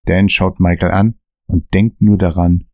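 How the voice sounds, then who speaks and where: A man narrating a scripted story podcast in a steady, measured way. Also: low voice, no room sound, studio quality.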